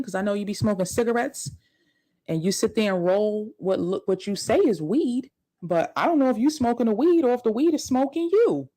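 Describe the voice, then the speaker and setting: A woman's voice: mid-range voice, a little mellow, rough recording. Indignant woman commentator. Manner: indignant, repeats words for emphasis. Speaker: commentary YouTuber. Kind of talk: casual commentary.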